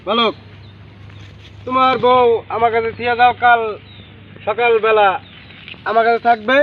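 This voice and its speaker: A man playing a fake male holy man in a comedy skit, intoning slowly with long ritual hums. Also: very high voice, flat delivery, narrow, tinny audio, a little hiss or hum. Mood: commanding.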